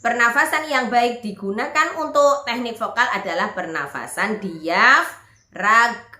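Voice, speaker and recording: Woman teacher, bright clear voice, explains step by step, echoey room. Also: fairly high pitch, lively intonation, moderate pace. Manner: explains step by step, checks understanding. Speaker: music teacher. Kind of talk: online class lesson.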